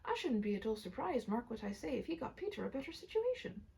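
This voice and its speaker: A woman voicing a kindly, earnest working-class father in a Victorian storybook, gentle and breathy. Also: sits high, very animated, fast, recorded from a distance, pitched above the performer's own voice, full character voice. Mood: fond.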